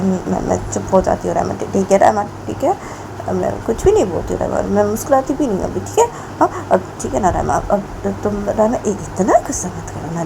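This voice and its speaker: Woman doing a soft, pleading young lover. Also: fairly low pitch, creaky, noisy background. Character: gentle timid young woman, soothing her angry lover. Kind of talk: storytelling role-play.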